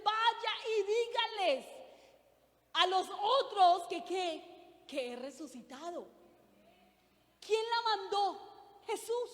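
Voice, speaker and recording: A woman's voice: extremely high pitch, long reverb tail. A middle-aged woman preaching a sermon, earnest, putting questions to the congregation. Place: church.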